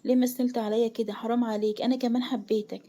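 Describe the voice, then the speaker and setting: A woman's voice: fairly high pitch, flat delivery, racing, mellow, natural voice. A woman voicing a heartbroken young wife who pleads tearfully in an Egyptian accent. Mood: anguished. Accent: Egyptian Arabic.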